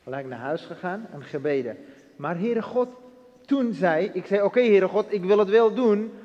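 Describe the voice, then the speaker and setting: In a personal testimony interview, an Iraqi guest tells his story earnestly in broken Dutch, acting out conversations as he goes. His voice is high with lively intonation at a moderate pace, and the lo-fi recording carries a long hall reverb.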